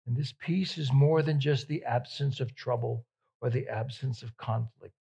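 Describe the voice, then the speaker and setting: A male pastor preaching a sermon, repeating words for emphasis and swinging between loud emphatic peaks and soft, hushed passages. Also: medium pitch, normal speed, creaky, breathy edge.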